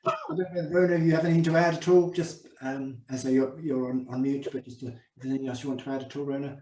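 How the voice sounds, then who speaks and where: A man's voice: medium pitch, lively intonation, quick pace, warm tone, slight background noise. A man moderating a question-and-answer session over a video call, polite and hesitant with many fillers and restarts. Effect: heard over a video call. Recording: echoey and distant video call audio.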